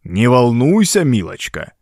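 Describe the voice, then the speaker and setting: A man's voice: mid-range voice, very animated, moderate pace, no echo, clean studio sound, close to an everyday voice. A man voicing a big, commanding doctor who speaks in a firm, businesslike way. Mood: soothing. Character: big, commanding middle-aged male doctor, brisk.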